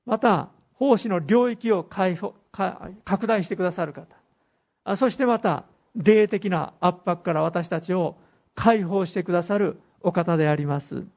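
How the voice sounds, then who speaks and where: A man preaching a sermon as pastor, speaking earnestly with pauses and reading scripture aloud. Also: sits high, darkish tone. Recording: dull lo-fi recording.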